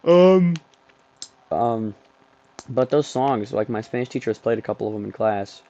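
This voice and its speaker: A man's voice: on the low side, fast, highs cut off. Rambling young male gaming streamer. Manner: rambling, excitable play-by-play with frequent ums. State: sleepy, yawning. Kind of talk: casual gameplay commentary. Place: bedroom.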